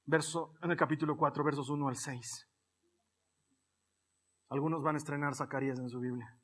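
A man preaching a lively sermon, acting out his own prayers and conversations as he speaks. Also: a little high, moderate pace. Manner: animated, acts out his own prayers and dialogue. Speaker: pastor.

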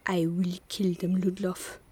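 Woman playing a grim young witch hunter, flat even tone, mellow, tight-jawed, storybook audiobook. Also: medium pitch, a little slow, breathy edge. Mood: grim resolve. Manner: tight, through gritted teeth.

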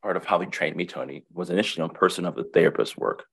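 Deep-voiced man, reflective counselor. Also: fast talker, vocal fry, fairly bright tone, husky. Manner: reflective, many restarts and repetitions. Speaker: counselor and guest. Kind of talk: casual webinar conversation.

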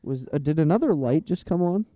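A man's voice: fairly high pitch, expressive, a little fast, dark tone. A man co-hosting a podcast in casual comedic chat, joking crudely. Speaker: podcast co-host.

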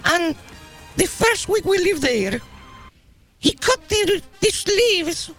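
A man doing a piercing falsetto wife impression, full of indignant grievances and broken grammar. The voice is very high and bright, with a put-on foreign lilt. Music plays softly under the radio bit. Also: sing-song, takes it slowly, exaggerated voice. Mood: complaining. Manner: complaining, broken grammar, mock-serious. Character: high-voiced woman, a famous model's impression, angry wife.

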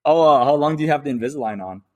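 A man's voice: fairly high pitch, lively intonation, very fast. Easygoing man, podcast guest. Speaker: podcast guest, gym owner. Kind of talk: casual podcast chat.

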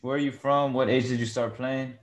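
A man's voice: mid-range voice, steady tone, brisk. A man hosting an interview show, speaking informally and chummily as he puts questions to his guest. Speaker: podcast host and interviewer.

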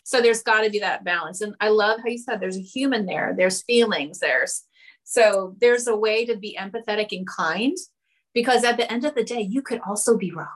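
Woman on a podcast, chatty, talks things through out loud. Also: medium pitch. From New Jersey. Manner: chatty, quick to agree, self-correcting. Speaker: podcast guest, hair educator. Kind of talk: casual podcast chat.

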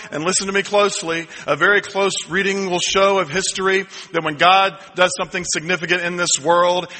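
A male senior pastor delivers his sermon in a bright, ringing tone that sits a little high. His preaching is conversational and humorous, full of asides to the congregation. A long hall reverb trails behind every phrase. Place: church sanctuary.

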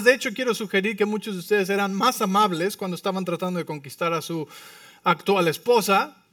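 A man preaching from the pulpit with a bright, high-pitched voice and a humorous, storytelling delivery that keeps asking the congregation whether they follow. He sounds a bit off-mic, and the room gives back almost no reverb. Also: far from the mic. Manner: lively, humorous storytelling with frequent tag questions. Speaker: pastor. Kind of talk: sermon. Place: church sanctuary.

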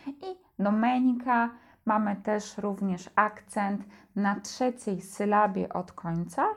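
A woman teaching an Italian lesson, saying words slowly and clearly for learners to repeat. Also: mid-range voice. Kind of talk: slow language lesson.

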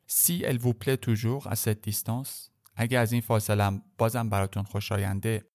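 A man reading a French novel aloud line by line, pronouncing each French sentence slowly and carefully and then translating it quickly in colloquial Persian. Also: on the low side, creaky, darkish tone. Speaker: language teacher.

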